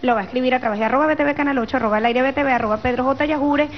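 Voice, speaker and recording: A woman's voice: high voice, racing, slight background noise. A middle-aged woman with a Venezuelan accent, hosting a studio talk show in a conversational style. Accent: Venezuelan Spanish. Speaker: radio and TV show host. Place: small padded radio studio. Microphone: close studio microphone, headset on. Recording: dull band-limited broadcast, faint music.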